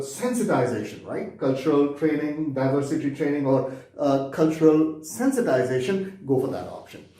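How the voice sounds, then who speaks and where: A man's voice: fairly high pitch, dark tone, roomy sound. A man teaching exam preparation in a conversational lecture, often checking in with his listeners. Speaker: exam prep instructor. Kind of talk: explanatory lecture.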